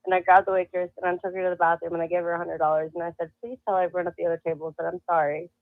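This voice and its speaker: A woman's voice: on the low side, very fast, dry recording. A woman guest telling a story in casual chat, laughing often and acting out what people said. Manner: animated, laughing, acts out quotes. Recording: tinny phone-like call audio.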